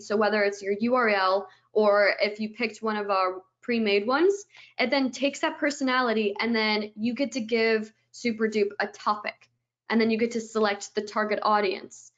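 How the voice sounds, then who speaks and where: A woman with a slightly high voice eagerly walks through a software product as a webinar guest, chaining each step with "and then." The sound is dull and lo-fi, as though it came through a video call. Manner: eager explaining, strings steps together with "and then".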